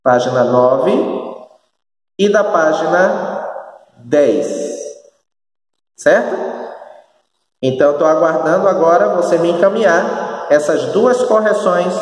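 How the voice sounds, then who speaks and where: A man with a Brazilian northeastern accent teaching a recorded class, speaking slowly and patiently, often checking that students follow. His voice sits a bit high for a man. It is heard from some distance in a bare room with a long, ringing reverb. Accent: Brazilian Portuguese, northeastern. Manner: slow, explanatory, checks understanding with frequent tag questions. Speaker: Spanish teacher. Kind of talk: recorded remote class lesson. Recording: echoey room, voice far from the mic.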